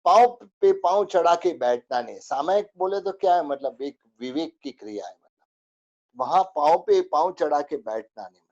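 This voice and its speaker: A man's voice: on the high side, animated, moderate pace, darkish tone, muffled recording. A man teaching a spoken religious lesson, going through a list of rules with many fillers.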